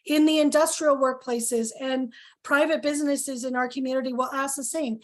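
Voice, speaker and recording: A woman organizer presenting at a town hall over a video call, earnest with many pauses and fillers, losing her voice. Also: high voice, fairly even intonation. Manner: earnest, lots of ums and questions. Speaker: health coalition organizer.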